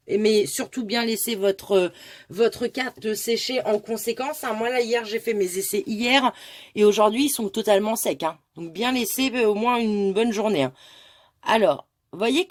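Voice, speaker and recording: A woman hosting a casual craft tutorial, explaining step by step in a chatty way with many asides. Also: a little high. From France.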